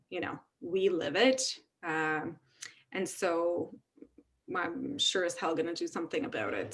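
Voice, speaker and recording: A woman from Romania, a tech CEO speaking as an interview guest, talking candidly in a fast-flowing way with frequent restarts. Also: fairly low pitch. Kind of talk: casual interview conversation.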